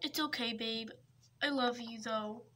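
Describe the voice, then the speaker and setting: A woman's voice: a little high, fairly even intonation, unhurried, fairly bright tone. A woman performing every character in a homemade toy-pet hospital short, switching from whispers to squeals. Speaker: toy video maker voicing all characters. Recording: faint background hiss.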